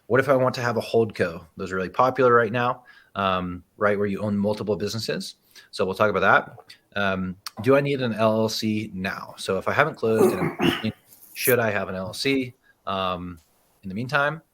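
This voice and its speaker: Low-voiced man giving a casual business talk. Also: normal speed, a bit bright. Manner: casual, frequent "right?" and "um" asides. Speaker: presenter and accounting firm owner. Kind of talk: conversational educational presentation.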